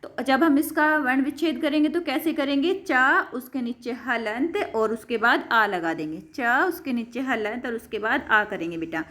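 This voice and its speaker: High-voiced woman teaching Sanskrit to kids. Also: animated, normal speed, hardly any pauses, fairly bright tone. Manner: patient, repeats words and calls students beta. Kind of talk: Sanskrit lesson for children.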